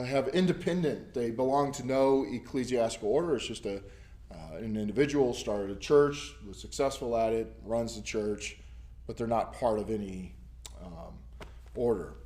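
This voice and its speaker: An American man with a scratchy, mid-range, slightly mellow voice leads a Bible study for a small group in a church classroom. His casual teaching rambles, with many ums and restarts, and it was captured on a camera.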